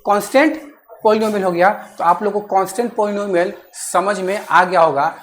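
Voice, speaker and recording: A woman teaching maths in class. She keeps checking that students understand and repeats phrases slowly while dictating. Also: medium pitch, a little hiss or hum.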